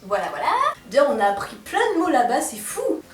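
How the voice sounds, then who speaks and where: A woman's voice: fairly high pitch, sing-song, fairly quick, over music. A teenage girl from France talking in a sarcastic, playful, slangy comic vlog monologue. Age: teens. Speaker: vlogger. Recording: roomy, from a distance.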